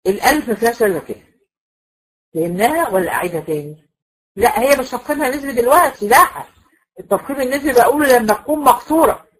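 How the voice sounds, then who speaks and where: A woman's voice: on the high side, lively intonation, rapid-fire, slightly rough, poor audio. A woman with an Egyptian accent teaching Quran recitation rules in a classroom lecture, asking her students questions and demonstrating the sounds herself. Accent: Egyptian Arabic.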